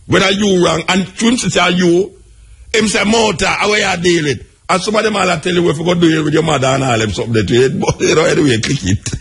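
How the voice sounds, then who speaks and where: A Jamaican man with a husky voice, talking in Patois as a radio host, conversational and emphatic, repeating his points. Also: fairly high pitch, quick pace. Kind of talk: radio talk commentary in Patois.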